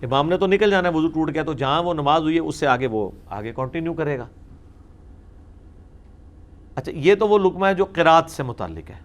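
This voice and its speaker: This man speaks at a fairly high pitch and sounds expressive. He's a scholar with a Pakistani Urdu accent answering questions during a religious lecture in a studio, driving his explanations home with emphasis, dry humor on the side, and a mix of English words.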